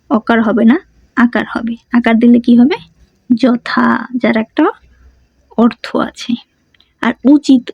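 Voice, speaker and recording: A woman with a slightly high, gravelly voice of darkish, slightly rough tone teaches a grammar lesson, asking questions, answering them herself, and repeating the key words. The recording is dry with no echo, and the sound is dull and muffled.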